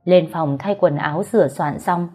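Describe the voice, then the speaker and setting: Woman, story narration, lowish pitch, steady, faint background music. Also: moderate pace, husky. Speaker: audiobook narrator.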